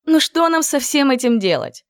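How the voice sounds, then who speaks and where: A woman's voice: high voice, very animated, no room sound, clean studio sound, pitched above the performer's own voice. A woman doing a lilting, gushy young girl. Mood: exclaiming. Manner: lilting, exclaiming, drawn-out. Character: young redheaded girl, dreamy and gossipy.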